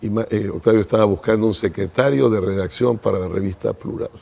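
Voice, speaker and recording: An older man tells stories from his past as an interview guest. His voice sits low and dark, with a gravelly, husky texture. He talks in long, thoughtful first-person reflections. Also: steady tone, quick pace. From Peru. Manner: thoughtful, reminiscing, speaks in first person at length.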